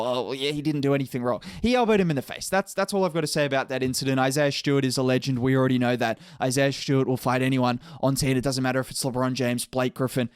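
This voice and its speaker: A man's voice: mid-range voice, clear, resonant tone, no room sound, studio quality. A young man giving rambling, opinionated basketball commentary in a casual talk.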